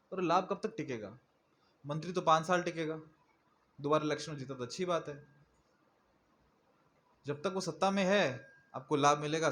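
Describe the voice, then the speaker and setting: Male preacher, higher voice, conversational sermon, asks listeners questions, faint room ambience. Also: a bit bright, slight background noise.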